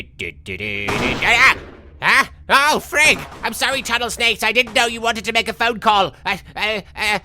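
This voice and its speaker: Marik Ishtar, a whiny flamboyant cartoon villain. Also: male voice, sits high, pushed and bright, a little hiss or hum, exaggerated voice. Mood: flippant. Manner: whiny, theatrical, rambling absurd asides. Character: flamboyant young male cartoon villain, silly and self-absorbed. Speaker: in-character let's play host. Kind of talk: comedic video game commentary in character.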